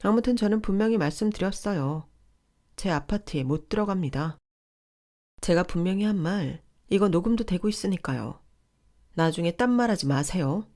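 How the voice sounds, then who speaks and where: A young woman narrating a radio drama in a calm, firm storytelling voice. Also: on the low side, normal speed.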